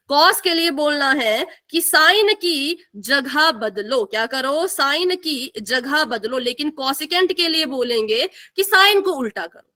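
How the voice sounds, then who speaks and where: A woman's voice: high voice, bright, forceful tone. A young woman teaching a live online math class, asking the students questions and repeating the key answers.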